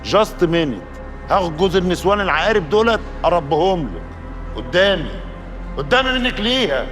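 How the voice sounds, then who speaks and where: A sly middleman who puts on grand, mock outrage in a quick Egyptian voice. His pitch runs slightly high. A music score is clear behind him. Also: sing-song, a bit bright. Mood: mock-outraged. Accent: Egyptian Arabic. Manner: theatrical, mock indignant. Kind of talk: Egyptian TV drama acting.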